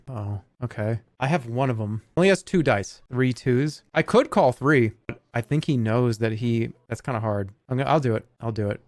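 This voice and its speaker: A man live-streaming a video game, reading the game text aloud and thinking out loud in an animated, wry way. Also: medium pitch, no room sound.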